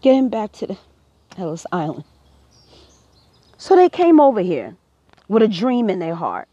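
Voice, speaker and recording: An American woman preaches her views on a live stream, emphatic and direct with her viewers. Her voice sits at an ordinary pitch. The sound is dry and a little dull and lo-fi. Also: very animated, unhurried, dark tone, slightly rough, no room sound. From United States. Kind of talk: impassioned social commentary.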